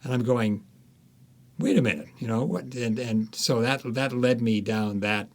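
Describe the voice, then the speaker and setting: An interviewed author with a mid-range voice talks a little slowly as he tells stories conversationally. His retellings are animated and include quoted asides.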